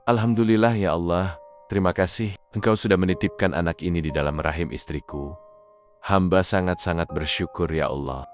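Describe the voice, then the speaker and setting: A man voicing a sweet, affectionate young husband and new father in an animated drama. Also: deep voice, fairly quick, faint music behind, lightly acted.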